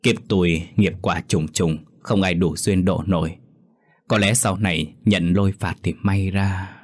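A man's voice: sits low, fairly even intonation, unhurried, no echo, studio quality. A man voicing the resigned, sorrowful ghost of a dead mother in a ghost story. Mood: bitter. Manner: weary, resigned.

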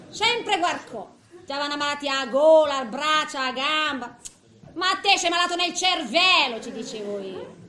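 In a full character voice that is high and sharp, an actress in her eighties plays a feisty, bitter, talkative widow in a theatrical comic monologue. She grumbles colloquially, dropping in little interjections.

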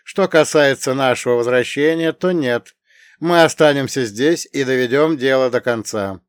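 A man's voice: mid-range voice, moderate pace, clear, resonant tone, dry recording, clean studio sound, natural voice. A man voicing a defiant military commander who speaks in firm, blunt declarations.

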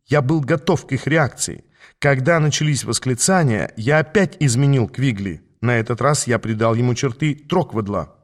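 A man reading a first-person fantasy audiobook in an even storytelling manner. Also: medium pitch, normal speed. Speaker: audiobook narrator.

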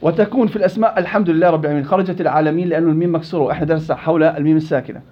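Brisk high-voiced teacher quizzing students. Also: male voice, steady tone, muffled recording. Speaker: Quran recitation teacher. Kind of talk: interactive classroom lesson.

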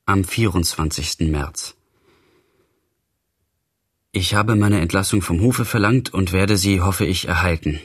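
Male audiobook reader, low husky voice, impassioned first-person narration. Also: measured pace, long pauses. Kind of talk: literary audiobook reading.

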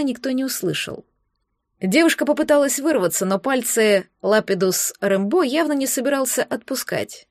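A woman narrates a first-person audiobook in an expressive, emotional way. Her voice sits somewhat high. The recording is dry and close, with no room sound. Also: no room sound.

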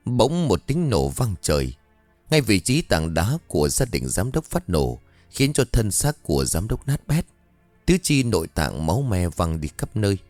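A man tells a horror story in a low voice with a wide, lively swing of pitch. The reading is dramatic. The recording is dry and close, with faint music underneath. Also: normal speed, dry recording. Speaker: narrator.

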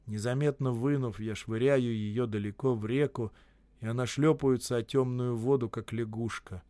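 A man narrating literary prose in a measured, dramatic storytelling way. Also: medium pitch, steady tone, warm tone, dry recording. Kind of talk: audiobook reading of literary prose.

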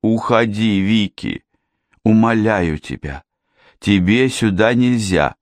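Man putting on a shrill, panicky weeping young woman. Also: measured pace, darkish tone, dry recording, natural voice. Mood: pleading. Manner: shrill, pleading. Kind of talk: audiobook character voice.

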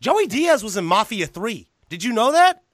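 A man co-hosting a podcast in rowdy, profane casual chat, breaking into loud impressions. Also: high-pitched, big pitch swings, moderate pace. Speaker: podcast co-host.

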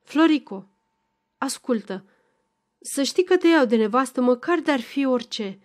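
A woman voicing a young male village lad in an audiobook, speaking in a hoarse, urgent way. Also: sits high, expressive. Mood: urgent, ardent.

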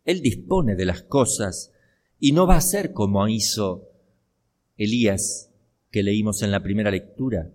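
A man's voice: fairly low pitch, darkish tone. An older man from Argentina, a priest delivering a homily, building emphasis with rhetorical questions.

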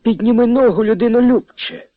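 A man's voice: fairly high pitch, lively intonation, a little slow, no room sound, phone-quality sound. A man voicing a pious, fussy old village priest who drawls out his words. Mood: exclaiming.

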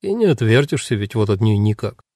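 A man's voice: on the low side, very animated, brisk, dry recording, clean studio sound. A man voicing a bored male guard who jeers and calls out to his partner. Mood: taunting. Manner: jeering, calls out loudly.

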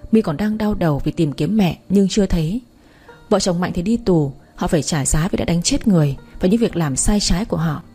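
A woman narrating a story aloud at a measured pace and speaking to her listeners as the channel's narrator. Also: lowish voice, dark tone.

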